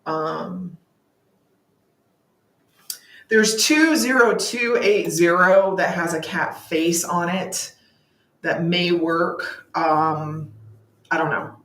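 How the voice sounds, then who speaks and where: Understated woman co-host with dry humor, somewhat low voice. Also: takes it slowly, fairly bright tone. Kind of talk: livestream craft demonstration. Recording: roomy echo.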